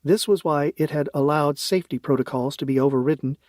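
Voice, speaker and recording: A man's voice: on the high side, fairly quick, a little mellow, dry recording. A man narrating a science fiction audiobook in the first person, with a wry, dry humor.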